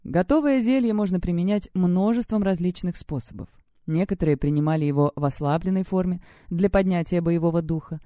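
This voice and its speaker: A woman's voice: on the low side, brisk, warm tone, dry recording, clean studio sound. A woman reading an audiobook, narrating a story in the first person. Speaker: audiobook reader. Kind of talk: scripted narration.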